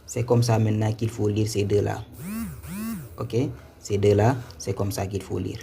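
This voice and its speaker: A man's voice: lowish voice, level tone, vocal fry, dark tone, slight background noise. Patient man teaching syllable by syllable. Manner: patient, repetitive, spells out syllables slowly. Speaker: Quran reading teacher. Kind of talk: live online lesson.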